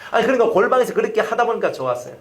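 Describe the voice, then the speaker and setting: A middle-aged man preaching a sermon as a pastor, animated and repetitive, often asking the congregation questions. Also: sits high, rapid-fire, roomy sound. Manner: animated, repeats phrases and asks the congregation questions.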